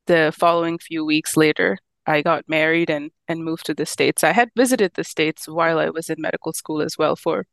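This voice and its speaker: A woman's voice: deep voice, no room sound. A woman in her thirties from Pakistan, a physician guest telling her story in a friendly way and laughing easily. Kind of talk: casual interview talk.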